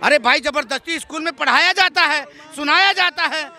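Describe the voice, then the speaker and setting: A man's voice: extremely high pitch, brisk, sharp tone, some chatter behind. A man arguing heatedly as a street interviewee, insisting on being heard and repeating his points. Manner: insistent, repeats himself, talks over others.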